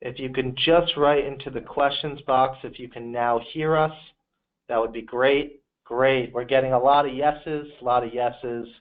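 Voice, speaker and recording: A man's voice: mid-range voice, steady tone, measured pace. A man hosting a live webinar over a phone dial-in, his volume rising and dropping unevenly as he apologizes and checks the audience can hear. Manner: apologetic, upbeat, direct to audience. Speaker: webinar host. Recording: tinny phone line.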